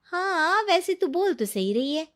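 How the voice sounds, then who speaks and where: A woman's voice: very high voice, measured pace, voice pushed up, heavily acted. A woman voicing a cheerful young wife who teases and advises her friend in a cartoon story. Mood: teasing. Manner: teasing, lively. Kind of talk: cartoon voice acting.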